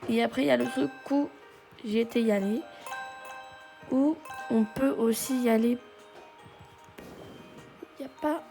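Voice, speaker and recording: Woman gamer, unhurried, gravelly, halting casual commentary. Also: a little high, dark tone, soft background music. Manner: chatty, exclaims at discoveries; halting, many hesitations. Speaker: gaming video creator.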